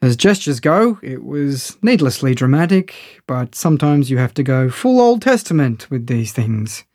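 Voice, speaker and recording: A man's voice: mid-range voice, big pitch swings, moderate pace, darkish tone, no echo, studio quality. A man narrating a first-person audio story in a wry, conversational way.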